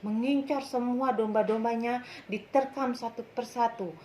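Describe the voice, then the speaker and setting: A woman primary school teacher telling a story to children in a lively, expressive way, then explaining its lesson. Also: a little high, normal speed, a little hiss or hum.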